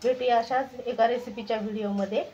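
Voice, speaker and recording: A woman's voice: a little high, steady tone, fast, dark tone, muffled recording. A woman with a Marathi accent hosting a home cooking channel, demonstrating a recipe step by step in a homely, instructive way. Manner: homely, instructive, repeats "तर हे बघा".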